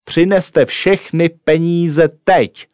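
A man voicing an impatient, clumsy male bank robber who barks orders loudly. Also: a little high, fairly even intonation, clear, resonant tone, no room sound, clean studio sound, close to an everyday voice. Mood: demanding. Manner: loud, barking orders.

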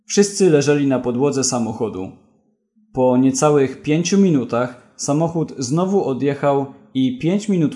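Slow-reading male storyteller. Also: mid-range voice, warm tone. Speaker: narrator. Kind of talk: scripted story narration.

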